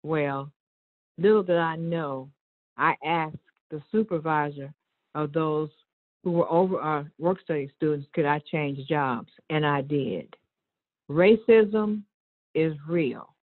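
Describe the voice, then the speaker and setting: A woman's voice: sits low, steady tone, a little slow. A woman from Chicago, a reverend, giving an earnest personal testimony in an online discussion and acting out the exchanges she recounts, calling in by cell phone. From Chicago, USA. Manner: earnest storytelling, acts out quoted exchanges. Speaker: reverend and board member. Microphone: cell phone call-in. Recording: phoned-in, narrow phone-line sound.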